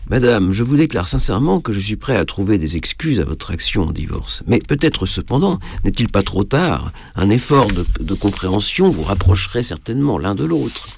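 A man's voice: on the low side, sing-song, moderate pace, creaky, few pauses, darkish tone, slightly rough, heavily acted. A man voicing a pompous, prying middle-aged judge who speaks unctuously and stumbles over awkward questions. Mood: probing. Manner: unctuous, hesitant with fillers. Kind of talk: storybook reading.

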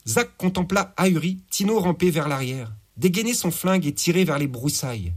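Husky man reading a story aloud. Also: on the high side, fairly quick. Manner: crude, lively storytelling. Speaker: narrator. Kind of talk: audiobook narration.

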